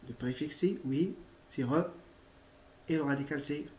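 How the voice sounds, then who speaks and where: A male primary school teacher giving a recorded grammar lesson, patiently repeating himself, spelling out letters and filling pauses with hesitations. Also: on the high side, darkish tone. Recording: echoey room.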